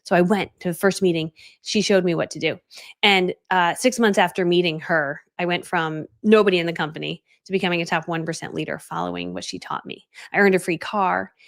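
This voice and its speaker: A woman in her forties from Connecticut, a business coach telling her story on a casual live stream, chatty and animated. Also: on the low side, fairly quick, creaky. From Connecticut, USA. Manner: chatty, animated, quoting herself, many "like" fillers.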